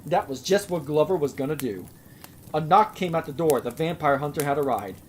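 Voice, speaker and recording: A young woman reads a story aloud for comedy and keeps breaking in with sarcastic, swearing commentary. Her voice sits a little low. Her asides are mocking and exasperated. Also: lively intonation, brisk, a little hiss or hum. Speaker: host reading a story aloud. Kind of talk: comedic live reading with commentary.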